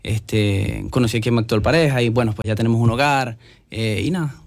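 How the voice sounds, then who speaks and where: A young man from Venezuela with a Venezuelan Spanish accent, a musician talking earnestly as a guest in a casual interview, filling pauses with "este" and repeating words. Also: medium pitch, no room sound. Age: young adult.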